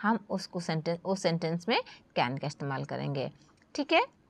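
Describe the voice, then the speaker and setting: Woman teaching english grammar, pitch jumps all over, slows right down on the example sentences. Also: very animated, creaky. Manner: addresses students as children, slow stressed English examples. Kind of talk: grammar lesson.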